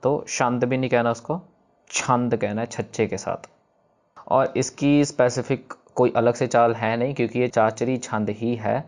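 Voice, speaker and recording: Male recitation teacher; patient, methodical, sounds words out slowly; mid-range voice. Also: medium pitch, fairly even intonation, darkish tone. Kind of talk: explaining pronunciation of scripture.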